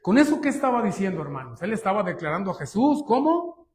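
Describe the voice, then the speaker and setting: A man's voice: sits high, very animated, quick pace, darkish tone. A man, a pastor, preaching a sermon. He is emphatic, asks rhetorical questions and keeps addressing his listeners as brothers. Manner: emphatic, rhetorical questions, often says "hermanos".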